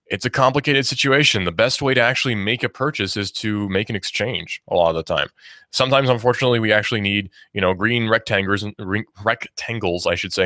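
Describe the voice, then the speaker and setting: Forceful and bright, this lowish-voiced man from the United States is in his twenties and hosts a talk radio program. He meanders through his views in a casual monologue, using fillers and restarting sentences. The studio-quality recording has no echo.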